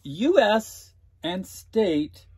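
A middle-aged man co-hosting an RV travel show, chiming in with quick agreement and asides in casual chat. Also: high-pitched, sing-song, mellow, breathy edge, no room sound. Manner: chimes in with frequent agreeing backchannels and quick asides. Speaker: co-host of an RV travel channel. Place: small indoor room in front of a green screen.

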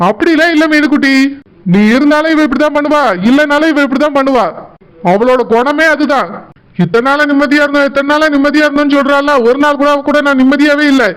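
A voice actor doing a weary, henpecked village husband in a cartoon, exasperated and pleading in a rather high voice with a Tirunelveli Tamil accent. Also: fairly even intonation, fast talker, a bit bright, poor audio. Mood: soothing. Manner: pleading then stern, exasperated.

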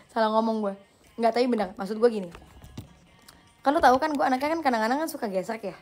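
A young woman hosting a live stream, chatting casually and playfully with viewers and answering their questions in slang, quick to laugh at herself. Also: fairly high pitch, a little mellow, soft background music. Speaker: livestream host.

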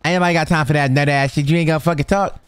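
A man's voice: a little high, fairly even intonation, racing, clean tone, dry recording. A young man streaming a roleplay game, trolling other players with slang and frequent laughter. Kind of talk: in-character roleplay banter.

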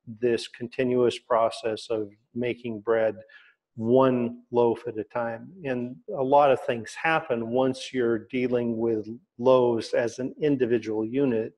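An older man, a company head, explaining his product at a measured pace with fillers and restarts, heard over a video call. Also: medium pitch, a little mellow, poor audio. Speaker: company CEO guest. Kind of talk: remote video interview. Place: indoor room, plain wall behind. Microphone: webcam video call.

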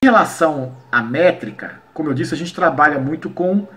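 A man from Paraíba, teaching educators about cordel poetry and reciting his verses slowly and rhythmically. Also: a little high, lively intonation, a bit bright. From Paraíba, Brazil. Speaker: cordel poet and workshop teacher. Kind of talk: online lesson for educators.

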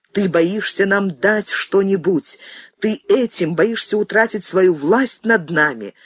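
A woman's voice: medium pitch, husky, no room sound, voice pushed up. A woman reading an audiobook voices an anguished grown son, weary and pleading, who turns bitter with his mother. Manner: pleading, restrained, then bitter.

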